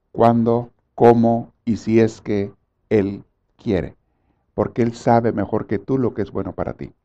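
Man, preaching, impassioned, mid-pitched voice, muffled sound. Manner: impassioned, swings from soft to loud, acts out pleading prayers. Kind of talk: sermon.

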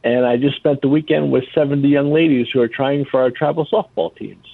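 A male radio caller comes through a thin, phone-like line with no room sound around him. He talks in a mid-pitched, earnest and steady voice. He lays out his plans at length, one step after another. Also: fairly quick, vocal fry, no echo. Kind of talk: call-in chat. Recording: tinny dry phone line.

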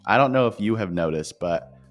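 With a lowish, animated voice and a brisk pace, this man explains things straight to listeners on his informal, scripted podcast. His voice echoes through the unfurnished new office, and there is music in the background.

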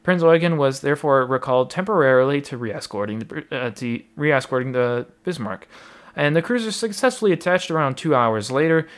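A man's voice: mid-range voice, lively intonation, a little fast. Casual man narrating naval history. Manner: rambling, many fillers and asides, wry humor.

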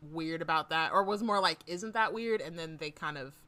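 A woman with a low, sharp-toned voice talks a little fast while co-hosting a book podcast. She chats casually, summarizes chapters, laughs often, and fills her speech with "like" and "um."

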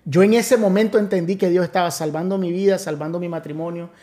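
A pastor, telling an emotional personal testimony with many restarts and acted-out quotes. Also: male voice, high-pitched, fairly even intonation, fast, warm tone. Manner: storytelling with many restarts, acts out quoted voices. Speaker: pastor, podcast guest.

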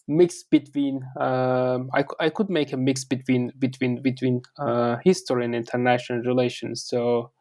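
A Turkish man with a Turkish accent speaks in a medium-pitched, slightly mellow voice. He's a guest author on an interview podcast, and he rambles, filling his talk with fillers and repeated words.

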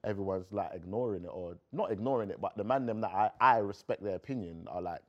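A man's voice: lowish voice, fast talker, highs cut off. A man with a London roadman accent, chatting casually in thick street slang. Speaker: rapper. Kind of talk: casual chat.

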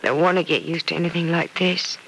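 A heartbroken young woman, talks in a measured, sorrowful way. Her voice has a slight gravelly edge. Her grief is earnest and withdrawn. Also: lowish voice, steady tone, fairly bright tone, slight background noise, low-quality recording. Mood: grieving. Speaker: radio drama actress. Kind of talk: 1940s radio acting.

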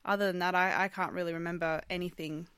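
A woman's voice: on the low side, flat delivery, quick pace, fairly bright tone, clean tone, no room sound. A woman with an Australian accent discussing racing as a co-host on sports radio.

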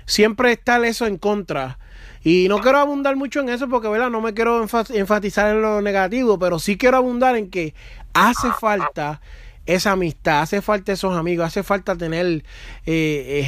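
A man's voice: high-pitched, moderate pace, fairly bright tone, no echo, clean studio sound. A man who works as a minister, telling a personal story in an earnest, conversational way during a faith talk. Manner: conversational, earnest, with fillers like "mano".

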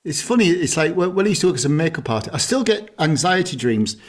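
With a fairly high, sing-song voice and quick delivery, this middle-aged man co-hosts a podcast. He tells stories in casual chat and laughs frequently.

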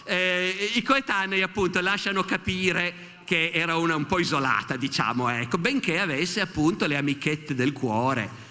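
A man in his sixties from Italy giving a public history lecture at a festival, telling the story in a lively way and quoting witnesses with animated asides. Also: on the high side, normal speed. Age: 60s. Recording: long hall reverb.

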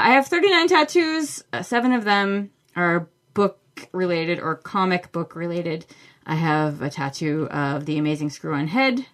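A woman hosts a podcast on her own and talks through listener questions in a loose, chatty way. Her voice sits a little on the low side. She fills her speech with ums and likes. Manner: chatty and enthusiastic, with many fillers. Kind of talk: casual solo podcast talk.

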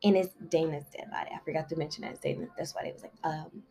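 Quick-paced and mellow, with low pitch and fairly even intonation, a woman casually summarizes a novel's story for her book vlog. Her rambling recap is dense with "like" and "you know."

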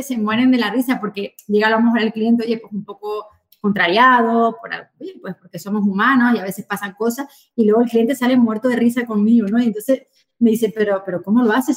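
A middle-aged woman, chatting as an interview guest about handling clients, lively and full of fillers. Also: a little high, low-quality recording. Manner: lively, warm storytelling with many fillers. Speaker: guest, real estate agent. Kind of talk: casual interview chat.

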